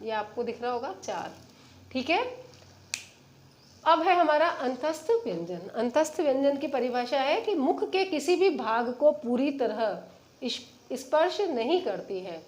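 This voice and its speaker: A woman teaching a lesson from a chart. She says the letters slowly one by one and asks her students questions, then answers them herself. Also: high voice, very animated, darkish tone.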